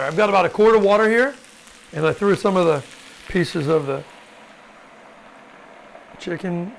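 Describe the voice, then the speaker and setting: A chef with a high, gravelly voice teaches a casual cooking class in a home kitchen, speaking informally with lots of fillers and asides. A sizzling pan and chopping sound in the background, and there's a little hiss or hum.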